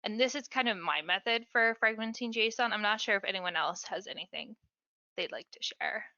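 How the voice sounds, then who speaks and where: A woman support specialist explaining software steps in a casual webinar, friendly and chatty. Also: medium pitch, moderate pace, no echo, lo-fi sound.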